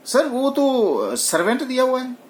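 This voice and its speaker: A man's voice: very high voice, very animated, measured pace, a little hiss or hum, voice pushed up, heavily acted. A lecturer acting out a young salaried worker who answers his teacher politely, hesitates a little and opens each reply with "sir". The voice stays close to the teacher's own everyday voice.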